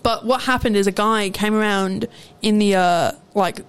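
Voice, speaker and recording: A woman's voice: mid-range voice, moderate pace, clean tone. A young woman, co-hosting a podcast and telling workplace stories with frequent laughter. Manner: laughs often, animated storytelling. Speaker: podcast co-host. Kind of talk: casual storytelling chat.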